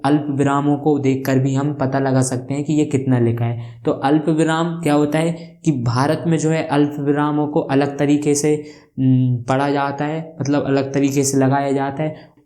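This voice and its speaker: A maths teacher with a warm, medium-pitched voice explains a lesson. He keeps posing questions and answering them himself, and spells out the place values one at a time.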